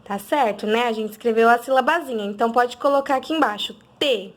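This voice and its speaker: A woman, a literacy teacher, patiently sounding out letters slowly and clearly in an instructional video for parents. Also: a little high.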